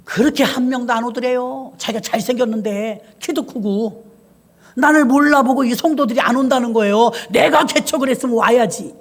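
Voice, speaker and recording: Lively woman pastor telling sermon stories. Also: fairly high pitch, normal speed. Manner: animated storyteller acting out voices. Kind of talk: sermon with storytelling.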